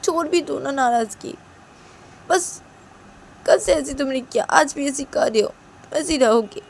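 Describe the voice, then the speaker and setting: Pleading young woman asking forgiveness, voiced by a woman, higher pitch, repetitive questions, storytelling. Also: a little slow, creaky, slight background noise.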